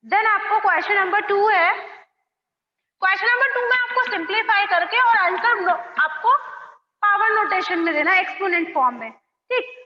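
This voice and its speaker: A woman's voice: extremely high pitch, expressive. A woman maths teacher working through exponent problems step by step, with a habit of checking in often. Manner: slow, checks in with "theek hai" often. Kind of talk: classroom lesson, working through problems aloud. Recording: roomy, dull lo-fi classroom echo.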